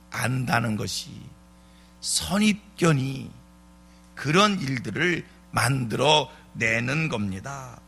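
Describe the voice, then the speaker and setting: A man's voice: medium pitch, vocal fry, pushed and bright, breathy edge. A male pastor preaching a dawn sermon, driving points home with repeated rhetorical questions. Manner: rhetorical questions, emphatic repetition. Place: church sanctuary.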